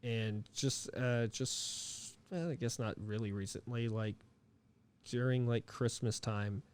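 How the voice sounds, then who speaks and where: A man's voice: medium pitch, takes it slowly, a little mellow, clear, resonant tone. A young man co-hosting a podcast in casual chat, rambling with lots of fillers and restarts. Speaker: podcast co-host.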